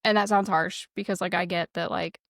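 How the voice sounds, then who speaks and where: A woman's voice: lowish voice, fairly even intonation, a little fast, gravelly, fairly bright tone, no echo, clean studio sound. A woman co-hosting a casual political chat, emphatic and freely profane. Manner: profane, emphatic, repeats words for stress.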